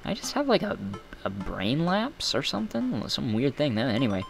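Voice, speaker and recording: A man's voice: medium pitch, huge pitch swings, moderate pace, creaky, soft background music. A young man streaming a game, reading chat aloud and rambling in self-deprecating asides. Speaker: gaming streamer.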